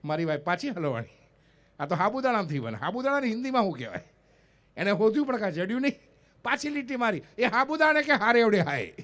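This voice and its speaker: A stand-up comedian and mimicry artist in his fifties from North Gujarat, India, tells comic stories on an event stage before an audience. He speaks fast in a high voice with a North Gujarati accent, animatedly acting out the dialogue of the people in his tales.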